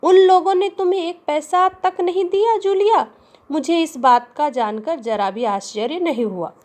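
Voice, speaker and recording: A woman voicing an angry, stammering male employer who shouts and shakes with rage, in a classroom story reading. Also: sits high, expressive, unhurried, voice pushed up. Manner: raised, agitated reading with stammered repeats.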